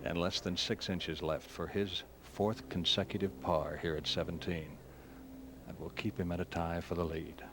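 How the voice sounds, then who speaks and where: A deep-voiced man calls golf as a commentator, keeping his phrases brief and understated with room between them. Clear outdoor noise sits behind him on a 1970s TV broadcast. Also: little pitch movement, moderate pace. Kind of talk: live golf tournament commentary.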